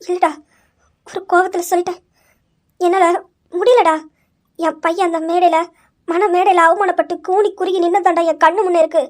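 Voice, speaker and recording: A woman voicing an older aunt who quietly apologizes for harsh words spoken in anger. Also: very high voice, steady tone, normal speed, long pauses. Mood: ashamed.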